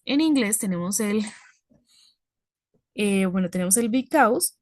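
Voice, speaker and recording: A woman's voice: medium pitch, no echo, studio quality. A woman teaching an English class, explaining patiently step by step and checking in with her students.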